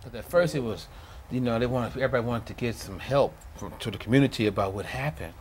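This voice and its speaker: Interviewed about losing his child, a middle-aged father speaks quickly and forcefully at a medium pitch, reenacting past scenes as he describes them. A faint hiss or hum lies under the emotional recollection.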